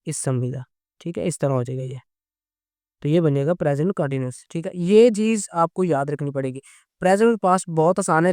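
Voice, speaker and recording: A man's voice: on the high side, darkish tone, clear, resonant tone, no room sound, clean studio sound. A man teaching a grammar lesson, explaining patiently and checking in with "okay?" after nearly every point. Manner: patient, repeats "okay?" often. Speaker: language teacher.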